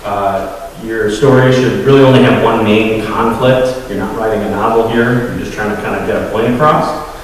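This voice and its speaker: A man's voice: on the low side, steady tone, normal speed, a little hiss or hum. A man giving a storytelling talk to a congregation, hesitant and full of fillers, openly nervous. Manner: hesitant, many fillers, admits nerves. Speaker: guest speaker at a secular congregation. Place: large echoey hall. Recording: echoey hall, voice from far off.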